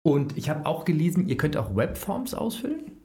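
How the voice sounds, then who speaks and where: Woman interviewer with an unusually deep, lively voice that sums up her guest's points. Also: moderate pace. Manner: short upbeat replies, sums up the guest's points. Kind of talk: casual interview chat.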